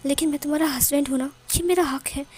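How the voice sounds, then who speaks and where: A woman voicing a stern, possessive young man who speaks in curt, hushed commands in a storybook reading. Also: high voice, steady tone, fast, close to an everyday voice.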